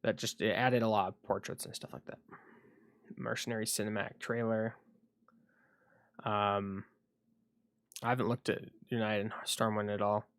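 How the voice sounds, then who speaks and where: Low-voiced man thinking aloud on stream. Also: little pitch movement, fairly bright tone, no echo. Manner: rambling, thinking aloud with frequent pauses. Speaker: livestreamer. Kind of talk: casual solo livestream chat.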